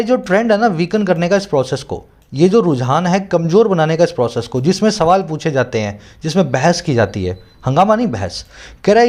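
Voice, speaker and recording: This English tutor has a high-pitched voice with a darkish tone. Speaking Hindi sprinkled with English terms and an Indian English accent, he walks a learner through a newspaper editorial and often checks for understanding.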